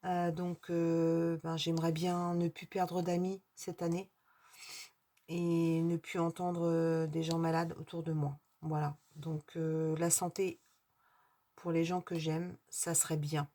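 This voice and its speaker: A middle-aged woman chatting casually to her viewers as she answers a video tag. Her voice sits low, and she talks slowly, pausing often on fillers and restarting her sentences. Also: flat delivery, dark tone. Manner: hesitant, many fillers and restarts.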